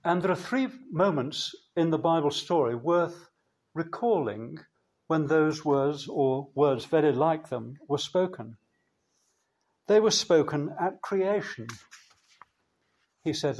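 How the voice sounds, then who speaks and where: A man preaching a sermon in a church, slow and measured, with emphatic pauses. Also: on the high side, a little mellow.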